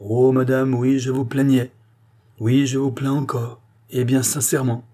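A man's voice: medium pitch, little pitch movement, measured pace, mellow, natural voice. A man voicing an earnest male politician who urgently explains and warns a queen, in a French audiobook reading.

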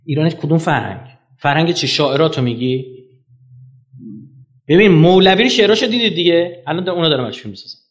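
A man giving a lecture to an audience, emphatic, firing off rhetorical questions and swinging his pitch up and down. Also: expressive, long pauses.

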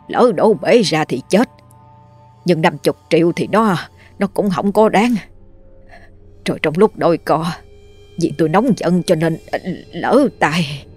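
Give me a woman putting on a panicky older man who stutters and trembles, with a breathy tone. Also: on the low side, animated, measured pace, long pauses, darkish tone, soft background music. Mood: anxious. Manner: stammering, trembling. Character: frightened older man, guilty civil servant.

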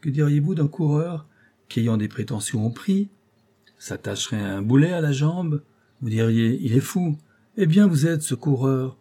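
A man's voice: on the high side, expressive, normal speed, warm tone, husky, pitched above the performer's own voice. A man reading an audiobook, voicing a scheming aging job broker who talks in a coaxing, lecturing, ironic way. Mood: paternal. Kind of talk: audiobook character voice.

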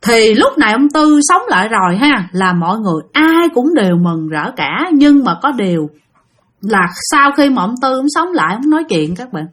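A woman's voice: on the high side, big pitch swings, normal speed. A woman with a Southern Vietnamese accent telling a spooky story in a chatty way, speaking directly to her listeners.

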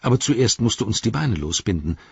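Brief: man playing a wary young hobbit, higher husky voice, slow and careful, audiobook. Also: sing-song, no room sound, lo-fi sound, full character voice. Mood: careful cunning. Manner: deliberate, measured.

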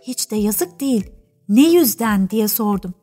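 A woman's voice: animated, measured pace, dark tone, slightly rough, faint music behind. A woman reading a storybook aloud and voicing a young girl who is polite but bold. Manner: polite yet bold, high girlish voice.

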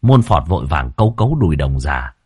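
A man narrating a comic ghost story in a lively, animated way. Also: very deep voice, a little fast, slightly rough, no echo.

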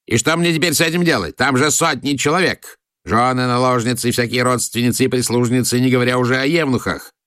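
An excitable Italian count who blusters and shouts, his voice pitched well above the reader's own, as a man puts him on in an audiobook. The delivery swings widely. It is recorded close and dry. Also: fast talker, no room sound. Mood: furious. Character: excitable scheming Italian count, police chief, middle-aged man. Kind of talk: audiobook character voice.

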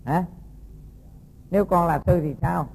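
A man, a Buddhist monk telling a moral story to young students and quizzing them in a lively, folksy way. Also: a little high, measured pace, vocal fry, breathy edge, rough recording.

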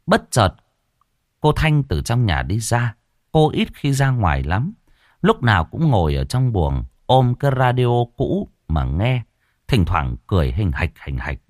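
Low guy telling a horror story, lively swings in tone, dry sound, soft music under. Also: unhurried, no room sound. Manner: expressive storytelling. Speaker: narrator. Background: faint background music.

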